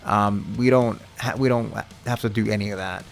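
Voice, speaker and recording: A man's voice: fairly low pitch, fairly even intonation, moderate pace, vocal fry. A man working as a vocal coach, explaining technique step by step in a reassuring, instructional way. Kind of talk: instructional video talk.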